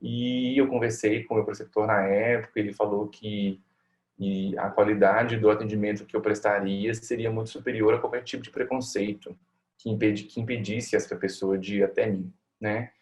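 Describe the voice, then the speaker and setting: A man's voice: fairly low pitch, little pitch movement, moderate pace, darkish tone. A Brazilian man, a family doctor, answering interview questions in a reflective, conversational way, often ending thoughts with tag questions. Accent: Brazilian Portuguese.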